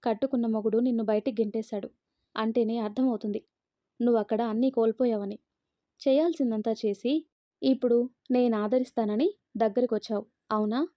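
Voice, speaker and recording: A woman's voice: a little high, fairly even intonation, fairly quick, pauses often, no room sound, highs cut off, natural voice. A woman voicing a stern middle-aged mother who harshly lectures her grown daughter.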